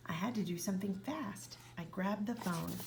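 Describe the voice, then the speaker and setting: A woman reads a children's picture book aloud, often dropping into a hushed whisper. Her voice is gravelly and sits at a middle pitch. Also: normal speed, heavy background noise. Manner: expressive, often whispered narration. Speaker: reader.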